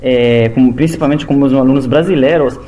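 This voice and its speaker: A man teaching a language lesson, explaining sounds slowly and methodically with many pauses. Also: mid-range voice, dark tone. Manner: slow, halting, methodical explaining. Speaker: Hebrew teacher.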